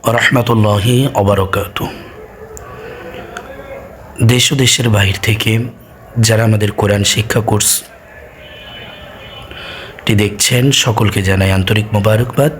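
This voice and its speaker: A man teaching Quran reading, drilling each sound slowly and answering his own questions. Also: lowish voice, steady tone, fairly bright tone, slight background noise. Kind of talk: slow drilled recitation lesson.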